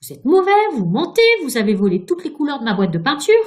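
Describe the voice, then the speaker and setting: Woman doing feisty little girl from a kids story, squeaky high, lots of swing in the voice. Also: very animated, fast talker. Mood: angry. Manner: high, emphatic and scolding. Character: bold, outspoken little girl. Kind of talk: storybook read-aloud for children.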